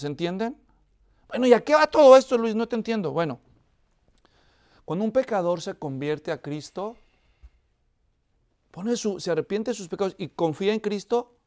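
A man preaching an expository sermon who keeps asking the congregation whether they follow. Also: high-pitched. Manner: asks the congregation frequent check-in questions; tells a joke in a lively, animated way.

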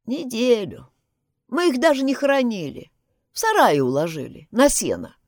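Lady doing a shrill old granny, grieving and pushy, voice swings way up and down, dry sound. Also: huge pitch swings, normal speed, dry recording. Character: grieving angry old village grandmother.

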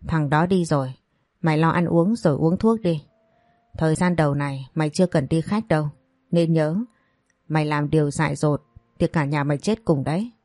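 A brutish male guard, as a woman reader puts him on, curt and coldly threatening. His lines come quick and low. The read is dark-toned and dry. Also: dry recording, soft background music, natural voice. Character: cold, thuggish male guard.

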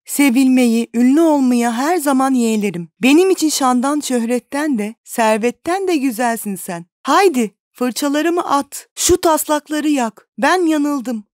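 A woman reading the lines of a passionate, poor young male painter, speaking in fervent, excited outbursts. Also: high voice, unhurried, hardly any pauses, dry recording, studio quality, pitched above the performer's own voice. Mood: impassioned.

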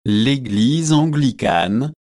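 An earnest young man argues in a storybook, as a male reader voices him. His delivery is slow and careful, at a middling pitch. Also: animated, a little mellow.

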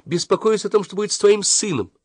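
A man voicing an anxious, scolding mother in an audiobook, pressing and shrill. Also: expressive, fast, dry recording, studio quality. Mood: tearful. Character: anxious, scolding mother, middle-aged woman. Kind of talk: audiobook character reading.

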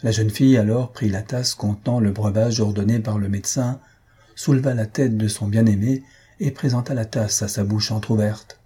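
A man calmly narrating a novel as an audiobook reader. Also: on the low side, moderate pace, breathy edge.

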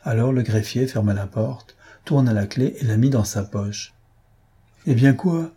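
A man narrating a novel as an audiobook reader in an even storytelling delivery. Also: lowish voice, normal speed, breathy edge. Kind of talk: scripted narration.

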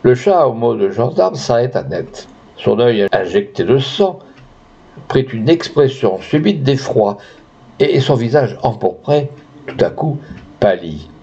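A man narrating a literary tale in an expressive reading, in a dull lo-fi recording. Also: medium pitch, a little slow, slightly rough. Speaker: audiobook reader.

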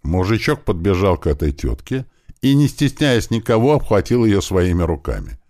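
Deep-voiced male audiobook narrator. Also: sing-song, moderate pace, darkish tone, no echo, studio quality.

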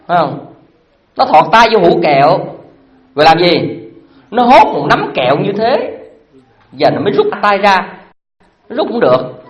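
Lively dharma teacher. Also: medium pitch, reverberant. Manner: lively storytelling with frequent rhetorical questions to the audience. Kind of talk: dharma talk sermon.

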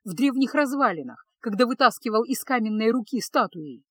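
Woman voicing a gruff, insistent young mage. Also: lively intonation. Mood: pleading, insistent. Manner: low, slow, insistent. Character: gruff young male mage, impatient and commanding.

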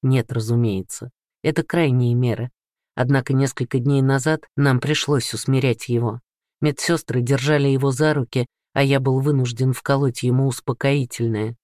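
A man voicing a calm male doctor who speaks in a measured, reassuring way. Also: medium pitch, no echo, studio quality, close to an everyday voice.

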